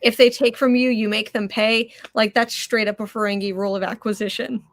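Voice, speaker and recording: A woman's voice: a little high, level tone, fairly quick, a little hiss or hum. A woman co-hosting a casual comics talk show, nerdy and blunt, swearing casually. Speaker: comic podcast co-host. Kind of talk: casual chat.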